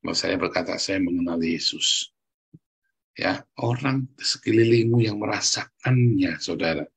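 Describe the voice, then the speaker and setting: Middle-aged male preacher, husky timbre, emphatic pulpit delivery. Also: low-pitched, normal speed, a bit bright. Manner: emphatic, keeps addressing the congregation as "Saudara". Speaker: pastor. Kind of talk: sermon.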